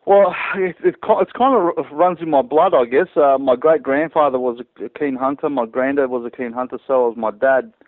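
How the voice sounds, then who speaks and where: A man's voice: medium pitch, brisk, few pauses, no echo. A man from Croatia, a guest on a hunting podcast, telling stories in a rambling, hesitant way. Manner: rambling, hesitant, chuckling storyteller. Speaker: guest hunter. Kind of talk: casual interview storytelling. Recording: tinny phone-line call.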